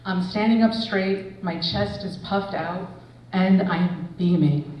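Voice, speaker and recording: A woman in her forties, an English professor, reading a personal essay aloud with expressive storytelling. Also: fairly low pitch, slow, recorded from a distance, dull audio, slight background noise. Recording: echoey hall, voice from afar.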